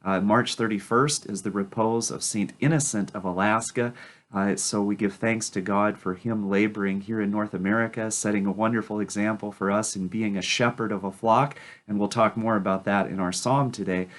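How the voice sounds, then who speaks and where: Man losing his voice, halting. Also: lowish voice, steady tone. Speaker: Orthodox priest. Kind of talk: daily scripture reflection.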